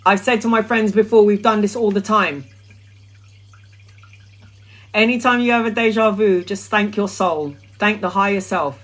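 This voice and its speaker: Woman, middle-aged, mid-pitch; casual, sweary tarot livestreamer. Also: moderate pace, long pauses, rough recording. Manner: chatty, blunt and sweary, with rambling restarts. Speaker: tarot reader answering viewer questions. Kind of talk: casual live-stream chat.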